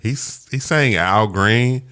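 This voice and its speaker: A man's voice: on the low side, slow pace, bright, forceful tone, clear, resonant tone. A man co-hosting a podcast, talking casually and emphatically, often saying "bruh". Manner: loose, emphatic, peppers talk with "bruh". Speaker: podcast co-host. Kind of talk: casual chat.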